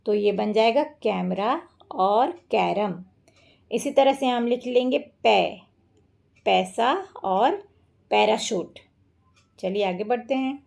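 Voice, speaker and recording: A woman's voice: on the high side, creaky, a little mellow. A woman teacher explaining a children's workbook lesson step by step.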